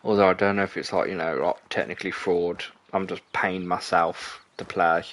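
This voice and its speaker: A man's voice: deep voice, little pitch movement, normal speed, fairly bright tone. A young man streaming a hunting game, rambling and chatty as he talks to his viewers, often correcting himself mid-sentence. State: out of breath. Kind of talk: casual gameplay commentary.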